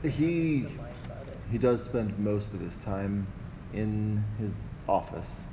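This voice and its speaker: A man narrating a tabletop game as game master, improvising in a halting way with pauses to think. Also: lowish voice, lively intonation. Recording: echoey hall, muffled, loud background noise.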